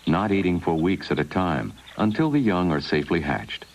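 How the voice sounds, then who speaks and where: Deep-voiced documentary narrator on worn tape. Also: male voice, expressive, moderate pace, low-quality recording. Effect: worn VHS tape copy. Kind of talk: scripted wildlife documentary narration. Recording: hissy worn VHS tape dub.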